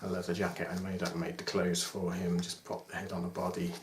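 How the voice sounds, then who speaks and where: Speaking briskly with a low pitch and a completely flat delivery, a man in his forties presents collectible figures in a casual chat to camera. The toy collector records in a small domestic room, the camera mic at about arm's length, with echo and faint background noise.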